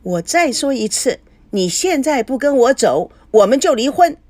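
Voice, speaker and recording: A woman voicing a weary young businessman who speaks in a firm, measured, cold way. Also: high voice, big pitch swings, darkish tone, no room sound, voice pushed up. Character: calm, weary young businessman trying to stay cool.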